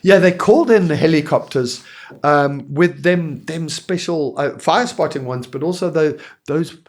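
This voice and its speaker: A man's voice: on the high side, a little slow. A man in his fifties, co-hosting a podcast and telling a long, rambling story with many restarts and chuckles. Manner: rambling, self-amused storyteller with frequent restarts. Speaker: podcast co-host. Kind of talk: casual chat, storytelling.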